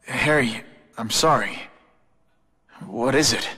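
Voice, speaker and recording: An earnest young American superhero, Peter Parker. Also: male voice, medium pitch, slow pace, bright, forceful tone, husky, full character voice. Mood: concerned. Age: young adult. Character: earnest, troubled young male superhero photographer. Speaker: video game voice actor. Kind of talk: dramatic video game cutscene acting. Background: background music.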